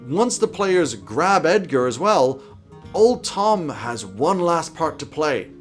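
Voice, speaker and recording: In a small home office, a man in his thirties gives semi-scripted game master tips to camera in a wry, emphatic, irreverent style. His voice is on the high side, sing-song and slow, with faint music behind it.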